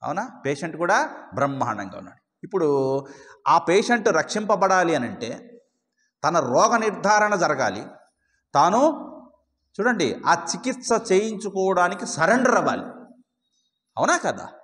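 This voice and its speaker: A man's voice: sits high, big pitch swings, moderate pace, pauses often, a bit bright, in a large hall. A man, a spiritual teacher, explaining a devotional hymn in a storytelling way, asking his listeners rhetorical questions.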